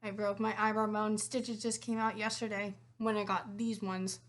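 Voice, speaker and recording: A woman's voice: medium pitch, level tone, normal speed. A woman sharing personal testimony in casual conversation, speaking candidly and matter-of-factly about painful experiences. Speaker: guest sharing recovery testimony.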